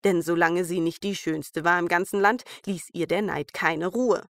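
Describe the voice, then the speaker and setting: A woman's voice: on the low side, fairly even intonation, moderate pace, dry recording, clean studio sound. A woman storyteller reading a German fairy tale aloud as a bedtime story. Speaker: podcast storyteller.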